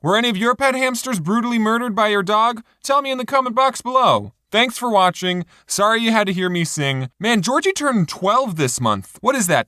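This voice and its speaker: A young man telling funny scripted stories from his own life as a vlogger, with deadpan jokes and sudden drops and jumps in his voice. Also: clean tone, dry recording, clean studio sound. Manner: deadpan jokes, sudden shifts between high and low voice. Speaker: animated storytelling vlogger. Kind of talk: scripted comedic narration.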